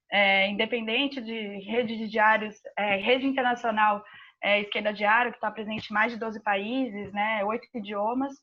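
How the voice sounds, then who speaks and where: Woman on lo-fi audio. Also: a little high. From São Paulo, Brazil. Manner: fluent, filler-laden explanation. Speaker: teacher and activist guest. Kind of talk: interview answers.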